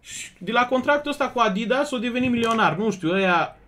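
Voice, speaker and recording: A young man from Romania streaming slots live, chatting casually and loudly greeting viewers one after another. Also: very high-pitched, a little hiss or hum. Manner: loud, excitable, greets chatters rapidly. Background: music.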